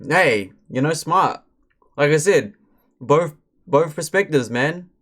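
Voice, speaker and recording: A man's voice: a little high, expressive, takes it slowly, fairly bright tone. A man live-streaming, casually commenting on a story in a chatty, laid-back way with slang. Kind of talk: casual chat.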